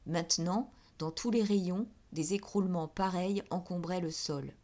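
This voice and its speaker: A woman reading a classic novel aloud as an audiobook in a measured, steady way. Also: on the low side. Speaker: audiobook reader.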